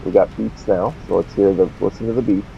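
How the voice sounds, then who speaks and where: A man's voice: on the low side, steady tone, brisk, creaky, slight background noise. A man streaming a game live, rambling and talking to himself as he plays. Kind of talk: casual live gameplay commentary. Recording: dull lo-fi stream audio.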